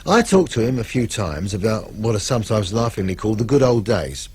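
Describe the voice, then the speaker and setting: A male radio presenter reading a scripted tribute with lively, rising and falling intonation. His voice is very husky and breathy. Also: mid-range voice.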